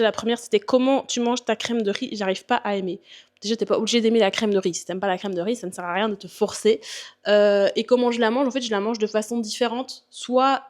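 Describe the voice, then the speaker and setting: A woman's voice: medium pitch, darkish tone. A young woman from Belgium with a Belgian French accent, chatting casually to her viewers from her apartment, full of fillers and restarts. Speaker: vlogger and bodybuilding coach. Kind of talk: casual chat answering viewer questions.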